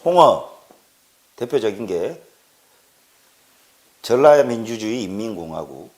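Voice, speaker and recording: A political commentator from Jeolla, South Korea, gives an impassioned monologue in a slightly high, sing-song, slightly mellow voice at a normal pace. He drives his points home by repeating words and asking rhetorical questions.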